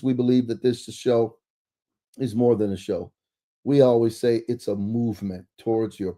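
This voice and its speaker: A man's voice: on the low side, warm tone. A man hosting a church talk show, introducing and interviewing a guest in a preacherly way, often saying amen.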